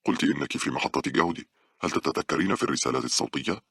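A man reading aloud, voicing a calm, friendly young man in a horror story in a soft, unhurried way. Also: very deep voice, creaky, breathy edge, no room sound, clean studio sound, full character voice. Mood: gentle.

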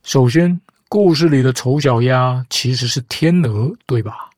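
A woman with a very deep, slightly mellow voice speaks unhurriedly in a dry, studio-quality recording. Hosting a comic storytelling show, she lectures in a scripted, argumentative way, ending her points with rhetorical questions over background music.

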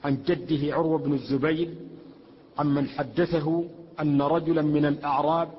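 A man's voice: fairly high pitch, flat delivery, normal speed, slightly rough. A man reading a classical text aloud for a lesson, carefully reciting and restarting on hard words. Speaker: student reader. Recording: echoey hall, muffled lo-fi recording.

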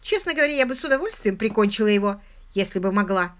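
A woman's voice: medium pitch, lively intonation, quick pace, natural voice. A woman voicing a cold, scheming, secretive woman who speaks sharply and with a hiss in an audiobook. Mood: hostile. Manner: sharp and hissing.

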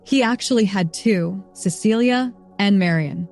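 A woman's voice: mid-range voice, unhurried, a little mellow, soft background music, close to an everyday voice. A woman voicing a meek, obedient young serving woman in a castle. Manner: meek, deferential.

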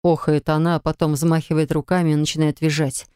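A woman reading first-person audiobook narration in a measured, even way. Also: sits low, smooth, no room sound, studio quality.

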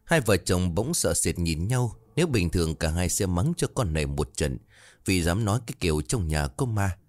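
Deep-voiced man telling a ghost story. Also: big pitch swings, moderate pace, darkish tone, no echo. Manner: voices the characters with raised pitch in frightened lines. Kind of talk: scripted ghost story narration.

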